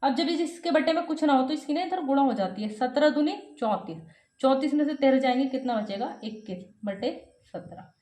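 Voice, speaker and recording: A woman's voice: sits high, animated, a little fast, mellow, echoey room. A woman teaching a step-by-step math lesson, asking her students questions and answering them herself.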